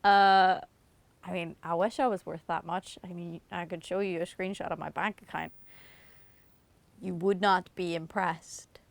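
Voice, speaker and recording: Speaking at a measured pace with vocal fry, this young singer from Ireland has a fairly low, fairly even voice and a Northern Irish accent. She answers autocomplete questions about herself to camera in a casual, self-deprecating way, with no room sound.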